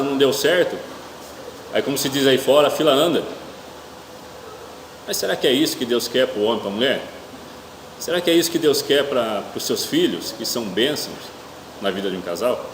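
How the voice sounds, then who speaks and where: A middle-aged Brazilian man preaching a church sermon haltingly, his speech slightly hampered by a toothache, often posing rhetorical questions. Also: medium pitch. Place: indoor church hall with noisy ambience. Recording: echoey reverberant hall, clear room hum.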